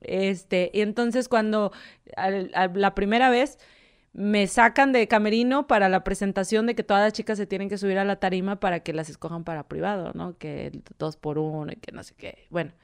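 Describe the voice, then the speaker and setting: A woman with a Mexican Spanish accent tells her story in a candid, casual way. Her voice is smooth and clear, and she sits at a middle pitch. She animates her account by acting out the people she quotes. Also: moderate pace. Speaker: guest telling her story.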